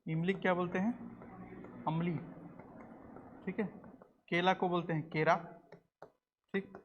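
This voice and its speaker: A man's voice: sits high, flat delivery, measured pace. Man teaching a class. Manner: quizzes the class, repeats answers, says "ठीक है" often. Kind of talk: classroom lecture. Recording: roomy classroom recording, dull and slightly noisy.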